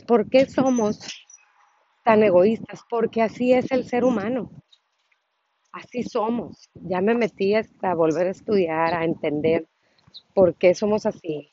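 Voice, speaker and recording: A woman's voice: medium pitch, dark tone, dry recording, lo-fi sound. Earnest Mexican woman podcaster. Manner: earnest, impassioned, asks rhetorical questions. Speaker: podcast host. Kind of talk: reflective solo podcast monologue.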